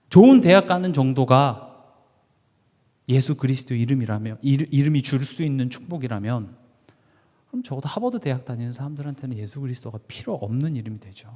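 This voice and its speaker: Male pastor, lively sermon delivery, long hall reverb. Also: mid-range voice. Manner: animated, swings between loud and hushed, acts out anecdotes. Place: church sanctuary.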